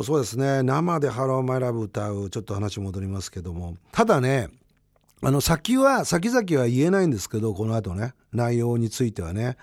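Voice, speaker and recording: Lively-voiced man in his fifties hosting radio. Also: medium pitch, no echo, clean studio sound. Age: 50s. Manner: rambling, chatty storytelling. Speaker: radio host. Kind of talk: casual late-night radio talk.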